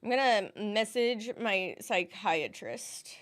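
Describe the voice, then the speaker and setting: A woman streaming live, chatting casually, greeting viewers and squealing excitedly over subscriptions. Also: mid-range voice, slow pace. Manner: bubbly, greets chatters, gasps and squeals at subs.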